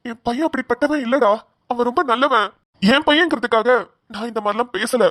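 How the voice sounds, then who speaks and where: Woman voicing a bewildered, patient cartoon father, bright, dry close sound. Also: fairly high pitch, brisk, no echo. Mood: puzzled. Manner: puzzled, placating. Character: patient bewildered middle-aged father, male. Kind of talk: cartoon voice acting.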